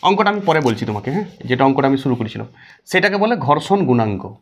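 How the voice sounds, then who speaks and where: A man's voice: medium pitch, sing-song, quick pace. A man teaching a physics lesson, asking the class questions and answering them himself. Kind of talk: classroom lecture.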